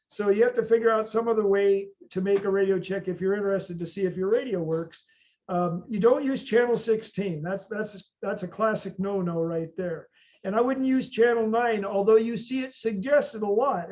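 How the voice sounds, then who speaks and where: A man with a high-pitched American voice lectures informally to a class. He is folksy and rambles, drifting into hesitant asides. The recording is dull and lo-fi. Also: darkish tone. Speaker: boating class instructor.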